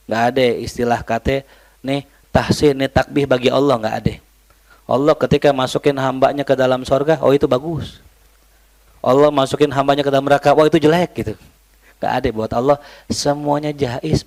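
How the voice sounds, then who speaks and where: A man teaching an Islamic study class, mixing Arabic recitation with joking, colloquial asides to his students. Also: medium pitch. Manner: lively, joking, colloquial Jakarta slang mixed with Arabic recitation. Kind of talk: religious study lecture.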